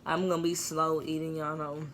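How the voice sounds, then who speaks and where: A woman's voice: deep voice, flat delivery, fairly quick, fairly bright tone, slight background noise. A young woman hosting a casual mukbang at home, chatting directly to her viewers.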